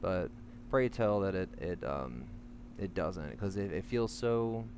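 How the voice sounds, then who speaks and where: Low-voiced man, halting, amid panic. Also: animated. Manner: halting, rambling, trailing into self-corrections. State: in the midst of a panic attack, anxious. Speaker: vlogger sharing panic attack coping advice. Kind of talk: candid talk to camera, personal advice. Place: outdoors. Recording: clearly noisy, humming background.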